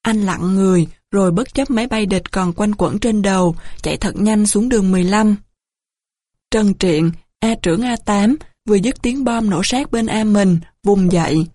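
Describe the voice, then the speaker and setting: A woman narrating an audiobook of a war story in a measured, somber manner. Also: medium pitch, mellow, no room sound, studio quality.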